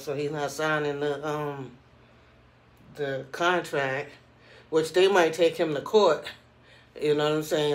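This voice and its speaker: Middle-aged man, slightly high voice, slow pace, street slang, casual rambling vlog commentary. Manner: informal street slang, repeats "you know what I'm saying". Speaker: vlogger.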